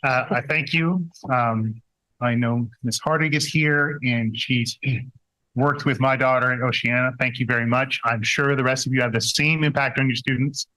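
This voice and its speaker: A man's voice: mid-range voice, fairly even intonation, moderate pace, bright, forceful tone, low-quality recording. A man school board member, a former teacher, making light-hearted, self-deprecating remarks.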